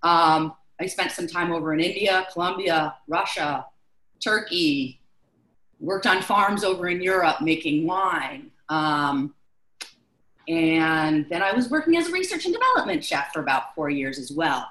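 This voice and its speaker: A woman's voice: on the low side, expressive, measured pace, fairly bright tone, echoey room, low-quality recording. Chatty woman chef teaching live. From Chicago. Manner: chatty, many fillers. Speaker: chef instructor. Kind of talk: online class lecture.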